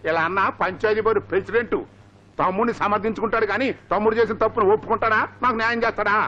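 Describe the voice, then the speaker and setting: An actor playing a loud, indignant village father who rants and shouts in a comic way, on a dull old film soundtrack. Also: high-pitched, steady tone, rapid-fire. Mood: ranting. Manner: shouting, ranting.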